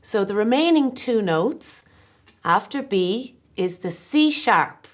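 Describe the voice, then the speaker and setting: A woman in her forties with a Kerry Irish accent, giving a gentle, encouraging, step-by-step tin whistle lesson. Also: medium pitch, animated, takes it slowly. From Ireland (West Kerry).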